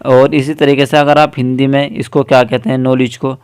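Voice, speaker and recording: A man's voice: medium pitch, little pitch movement, brisk, darkish tone, smooth, dry recording, clean studio sound. A man hosting a screen-recorded app tutorial, explaining each step patiently with frequent fillers. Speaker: tutorial host.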